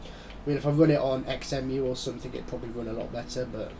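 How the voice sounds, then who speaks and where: Talking fast in a steady, mid-range voice, a gaming channel host gives rambling, chatty commentary on a racing game with muttered asides. His nose is blocked from a head cold and he breathes through his mouth, with background noise behind him.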